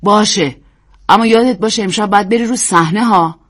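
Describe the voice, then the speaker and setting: A woman voicing a brisk, bossy hostess who talks loudly and commandingly. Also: mid-range voice, natural voice. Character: brisk, bossy hostess calling to her maid.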